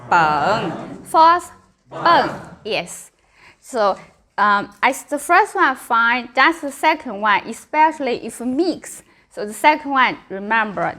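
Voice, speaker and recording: A woman's voice: a little high, fairly bright tone. A woman with a Chinese accent teaching beginners, practicing tones by demonstrating syllables and giving short prompts and corrections. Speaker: Mandarin Chinese language teacher.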